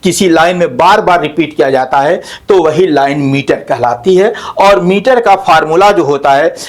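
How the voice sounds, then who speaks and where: A man's voice: fairly high pitch, moderate pace. A man teaching poetic meter in a lecture, repeating words to tap out their stresses and correcting himself as he goes. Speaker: literature teacher.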